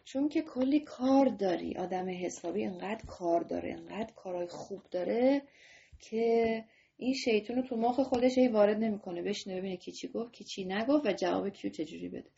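A woman's voice: mid-range voice, creaky, mellow, lo-fi sound, slight background noise. A woman teaching a religious lesson to children on a video call. She talks straight to her students and asks them questions. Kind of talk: online class to children.

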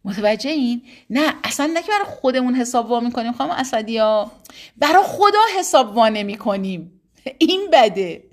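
A woman's voice: fairly high pitch, lively intonation. Woman teaching an informal religious lesson. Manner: colloquial and explanatory, with personal anecdotes.

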